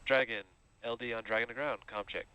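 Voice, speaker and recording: A man's voice: medium pitch, fairly even intonation, fairly quick, pushed and bright, clean tone, low-quality recording. A man making terse procedural astronaut radio com checks from launch control over a radio loop.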